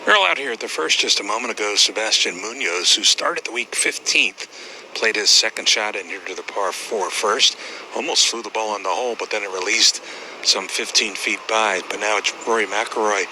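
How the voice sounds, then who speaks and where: Guy doing live golf commentary out on the course, lowish voice, lots of outdoor noise. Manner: measured, descriptive shot-by-shot calling. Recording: outdoor broadcast with clear background noise.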